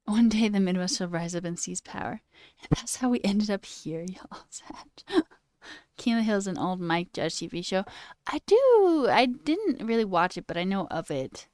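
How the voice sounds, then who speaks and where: A woman's voice: lowish voice, brisk, a little mellow, no room sound, studio quality. A woman livestreaming who chats casually with viewers and rambles through stories, often saying "like.". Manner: rambling, tangent-prone storytelling; swears casually, says "like" often. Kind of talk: casual chat with live chat. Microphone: headphones with a cord.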